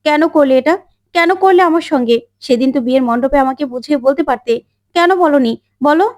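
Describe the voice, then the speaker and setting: A woman's voice: sits high, a little fast, no room sound, clean studio sound, close to an everyday voice. A woman voicing a young daughter who defiantly accuses her family of ruining her life. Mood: bitter. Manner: accusing, pleading.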